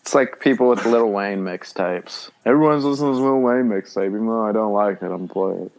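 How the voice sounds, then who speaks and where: Laid-back man joking on a podcast. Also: fairly low pitch. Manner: laid-back, joking, quick bursts of speech. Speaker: podcast co-host. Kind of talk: casual chat.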